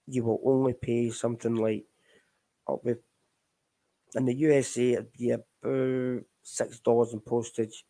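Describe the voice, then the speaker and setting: Scottish man, middle-aged, casual live talk, mellow dark tone, frank and rambling. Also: mid-range voice, rough recording. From Scotland. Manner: candid, rambling, addresses listeners as folks. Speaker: recovery podcast host.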